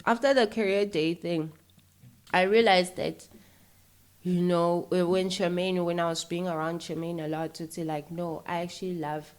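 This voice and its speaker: Animated South African woman telling stories. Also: fairly low pitch, moderate pace, clean tone. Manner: animated, mixes English and isiZulu, acts out voices in anecdotes. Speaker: interview guest, filmmaker. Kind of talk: casual storytelling chat.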